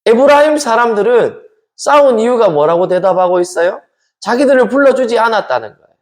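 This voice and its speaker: Lively high-voiced preaching man. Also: brisk. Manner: lively preaching, addresses the congregation directly. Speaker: pastor. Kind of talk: Bible study sermon.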